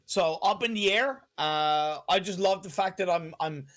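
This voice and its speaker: An Irish man casting a live esports match, his voice at an ordinary mid pitch. He talks in an easygoing, self-deprecating way, often restarting his sentences as he thinks aloud. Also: unhurried, fairly bright tone, soft background music. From Ireland. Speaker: esports caster. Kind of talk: live esports color commentary.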